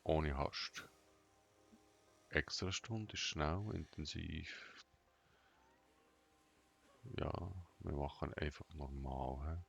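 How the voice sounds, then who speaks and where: A man with a very low, gravelly voice drones on in a flat, emotionless monotone, muttering to himself as he works through game menus. He speaks slowly. The recording is dull and lo-fi, with faint game music underneath. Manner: mumbling to himself while clicking through menus. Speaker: gamer. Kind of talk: let's play commentary.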